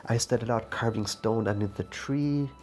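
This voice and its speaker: A man's voice: lowish voice, normal speed, a little mellow. A man from Zimbabwe, an artist and art teacher, speaking thoughtfully in a documentary interview and searching for his words.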